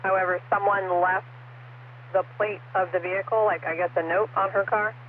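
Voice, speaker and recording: A man's voice: high-pitched, little pitch movement, moderate pace, recorded from a distance. A man working as a police dispatcher over radio, giving clipped codes and short vehicle checks. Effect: police radio transmission. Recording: tinny radio scanner with static.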